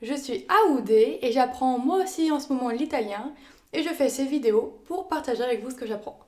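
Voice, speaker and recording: A young woman whose first language is French teaches Italian, though she is a learner of the language herself. She works through the lesson from a script in a high voice with lively intonation, explaining each point clearly and carefully and pausing to pronounce example words.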